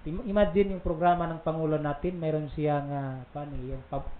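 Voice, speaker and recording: A man's voice: fairly high pitch, steady tone, normal speed. A man co-hosting a casual religious talk program, explaining at length with asides and laughs. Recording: roomy, tinny phone-like sound with faint noise.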